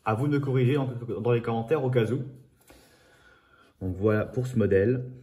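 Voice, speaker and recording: A man's voice: mid-range voice, normal speed, warm tone, slight background noise. A man in a casual, rambling video chat about his toy car collection, often saying "voilà". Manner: apologises for his own accent.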